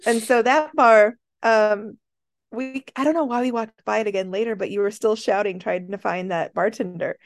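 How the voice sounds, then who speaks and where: Gravelly-voiced woman telling a story. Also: medium pitch, normal speed, hardly any pauses, no echo, clean studio sound. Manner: animated storytelling, laughing often. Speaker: podcast co-host. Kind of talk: casual chat.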